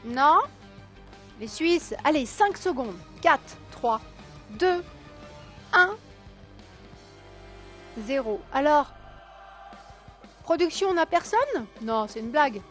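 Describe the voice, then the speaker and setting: A woman hosting a live call-in TV quiz, her voice hoarse, chatty and coaxing viewers, counting down and correcting herself aloud. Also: high voice, animated, slow pace, long pauses, fairly bright tone, faint music behind. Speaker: game show host.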